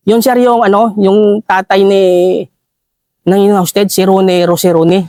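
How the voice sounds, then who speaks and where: Deferential soldier, high voice. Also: male voice, flat delivery, unhurried, a little mellow, dry recording, studio quality. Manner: deferential, says "sir" after nearly every phrase. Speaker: soldier recounting a rescue operation. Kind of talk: military war story interview.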